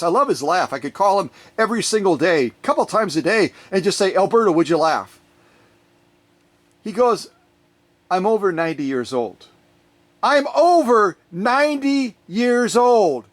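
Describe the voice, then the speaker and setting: A sewing machine restorer with a voice slightly on the higher side records his own video in his workshop, chatting casually to viewers in an unboxing vlog. He's a lively, talkative storyteller who drifts into tangents and rarely stops talking.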